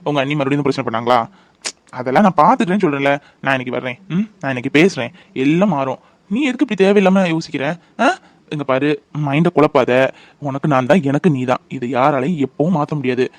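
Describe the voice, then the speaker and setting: A man's voice: medium pitch, expressive, fast, no room sound, lightly acted. A man voicing a devoted young fiancé in a cartoon, coaxing and reassuring. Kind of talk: cartoon voice acting.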